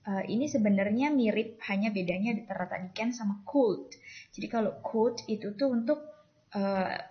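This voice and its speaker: A woman English teacher who explains in a mix of languages and repeats each English phrase slowly for learners to copy. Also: medium pitch, lo-fi sound. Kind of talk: classroom explanation with drilled pronunciation.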